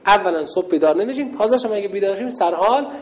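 Animated woman teacher calling out chants. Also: mid-range voice. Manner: animated, shouting chant cues, cheerful praise. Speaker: religious teacher for girls. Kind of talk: call-and-response lesson with children. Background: children's chatter.

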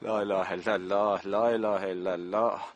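A man's voice: on the high side, lively intonation, fairly bright tone, no echo, muffled recording. A man playing a good-natured adult camp supervisor in a radio play, talking in a joking, exasperated, pleading way.

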